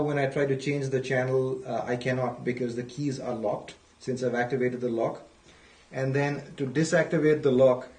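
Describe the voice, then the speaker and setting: Picked up by a far-off microphone in an echoey room, a man demonstrates a product, explaining each step methodically and going back over the main points. His voice is mellow and medium in pitch.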